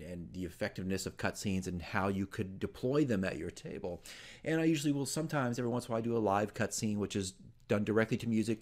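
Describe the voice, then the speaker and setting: A lowish, somewhat dark voice belongs to a man in his forties running a casual opinion vlog as a dungeon master giving tips. He addresses the camera in an emphatic, conversational way. The setting is a small furnished room at home, with a desk microphone placed in front of him.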